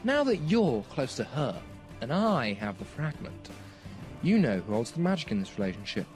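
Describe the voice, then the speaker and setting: A man's voice: mid-range voice, sing-song, normal speed, a little mellow, faint music behind, natural voice. A man playing a cocky, theatrical time-travelling pony stallion in a fan audio drama. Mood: triumphant. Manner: theatrical, playful, taunting.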